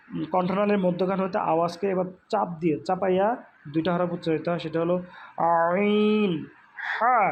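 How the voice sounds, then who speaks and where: A man with a high, gravelly voice teaches letter pronunciation. He goes slowly and patiently, repeating each sound with plenty of fillers. A faint hiss sits under the recording. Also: a little mellow, lo-fi sound. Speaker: Quran recitation teacher. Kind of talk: instructional lesson.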